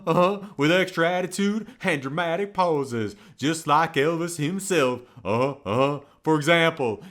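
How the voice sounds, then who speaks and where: A man voicing a swaggering [name]-style male pitchman in a mock commercial, drawling and muttering "uh-huh" between phrases. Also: a bit bright.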